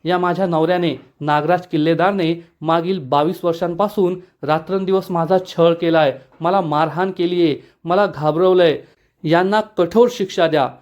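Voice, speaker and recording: Defiant wife, firm and accusing, as a high-voiced male narrator reads her, lo-fi. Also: fairly even intonation, moderate pace, darkish tone, natural voice. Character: abused wife, woman, finally defiant. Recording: dull lo-fi recording.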